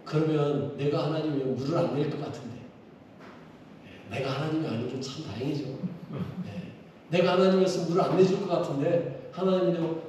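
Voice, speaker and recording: A male pastor delivers an animated sermon, firing rhetorical questions at his congregation. His voice sits a little high for a man. It rings through a large, reverberant sanctuary, picked up from a distance over a faint hiss of noise. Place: church sanctuary during a service. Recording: echoey hall from far off, faint noise.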